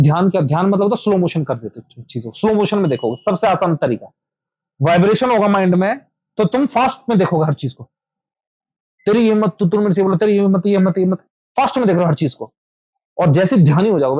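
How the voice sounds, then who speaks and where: A man's voice: high-pitched, darkish tone, husky, no echo, lo-fi sound. A man teaching meditation to a small group in an informal talk, repeating his points and speaking straight to his listeners. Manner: repetitive, instructive, addresses listeners directly. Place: indoor meetup room.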